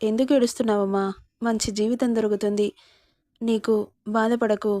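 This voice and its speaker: A woman's voice: a little high, little pitch movement, normal speed, dark tone, no room sound, clean studio sound, lightly acted. A woman voicing a caring, protective middle-aged father in a storybook reading, tender with his daughter and firm with others. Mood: reassuring.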